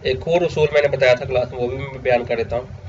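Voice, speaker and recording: A man's voice: medium pitch, steady tone, quick pace. A male teacher, giving a classroom grammar lecture over slides, explaining step by step and repeating key terms. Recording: slightly dull audio with faint background hiss.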